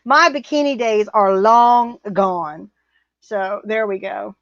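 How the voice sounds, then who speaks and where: A woman's voice: medium pitch, slow, fairly bright tone, no room sound. A middle-aged woman co-hosting a livestream, reading viewer comments in a blunt, rambling casual chat. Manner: blunt, rambling, laughs often. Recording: muffled, dry sound.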